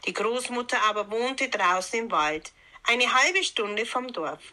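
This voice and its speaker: A woman reading a fairy tale aloud in a calm, unhurried storytelling manner. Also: fairly high pitch.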